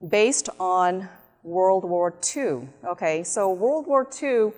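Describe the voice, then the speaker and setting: A woman giving an animated slide presentation, acting out quotes as she explains. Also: mid-range voice, takes it slowly. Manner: animated, acts out quotes in other voices. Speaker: speaker. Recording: echoey hall.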